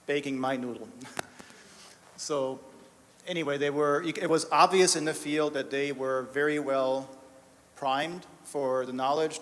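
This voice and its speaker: Recorded in a reverberant hall with a little hiss or hum, this man has a mid-range, fairly bright voice. He's a director of development sharing a heartfelt testimony with slides, earnest and storytelling, occasionally emotional.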